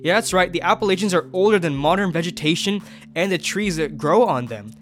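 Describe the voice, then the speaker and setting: A man's voice: sits high, animated, fairly quick, soft background music. Upbeat young man explaining on a hike. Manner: enthusiastic explainer. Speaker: travel vlogger. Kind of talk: educational hiking vlog. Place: on a mountain trail outdoors.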